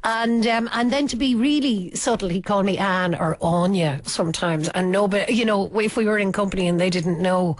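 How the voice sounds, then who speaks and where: An Irish woman nearing fifty talks as a studio guest on a radio interview, chatty and self-deprecating, tumbling over fillers and restarts. Her voice sits at a middling pitch and sounds close and dry, with no room around it. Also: normal speed, few pauses, no echo. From Ireland. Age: 40s. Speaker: author guest.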